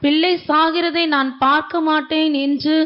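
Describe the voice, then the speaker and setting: High-voiced woman reading scripture aloud. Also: flat delivery. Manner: slow, loud formal reading. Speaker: scripture reader. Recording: dull, distant lo-fi sound.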